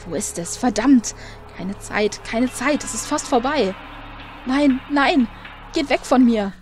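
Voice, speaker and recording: A woman reading the lines of a panicked schoolboy in a horror game, frantic and shouting. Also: on the high side, expressive, a little slow, soft background music. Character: panicked schoolboy searching frantically, losing his mind.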